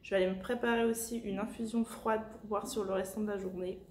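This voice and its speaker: A woman book vlogger, talking casually at home with many filler pauses. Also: medium pitch, steady tone, a little mellow, a little hiss or hum. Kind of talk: casual vlog chat. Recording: echoey room.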